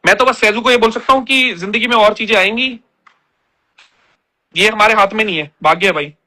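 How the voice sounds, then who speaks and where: A man's voice: high-pitched, a little fast, sharp tone. A young man chatting bluntly on a live stream, reading viewer comments aloud and swearing casually as he answers them.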